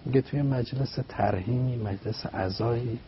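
A man appearing as a religious guest speaker explains poetry by way of a story, using animated, rhythmic phrasing. The recording is a bit dull, with a faint rumble.

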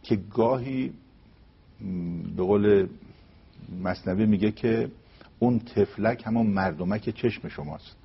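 A man giving a religious talk, telling a story and reciting verses slowly and deliberately. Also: fairly low pitch, vocal fry, breathy edge, dull audio. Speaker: religious speaker.

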